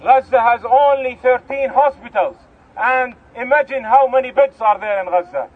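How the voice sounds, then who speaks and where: A man's voice: extremely high pitch, moderate pace. Earnest Palestinian man at a rally. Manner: earnest, repeats and restarts phrases. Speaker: rally speaker. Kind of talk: speech at an outdoor rally. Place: outdoor street rally. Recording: tinny lo-fi outdoor recording.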